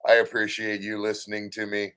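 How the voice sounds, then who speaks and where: A man's voice: lowish voice, completely flat delivery, brisk, sharp tone, clean tone. A man hosting a casual livestream, chatting loosely with viewers, with plenty of fillers and restarts. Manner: rambling, chatty, playful with viewers. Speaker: livestream host.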